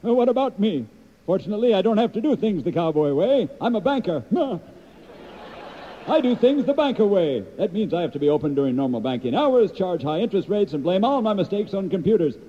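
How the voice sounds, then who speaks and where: A smug, preachy banker in a comedy radio play, his voice pitched high and swooping about. It has a dark, husky edge, as a man puts him on, and the recording is muffled and echoey. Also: very animated, a little fast. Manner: self-satisfied, preachy. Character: pompous smug male banker.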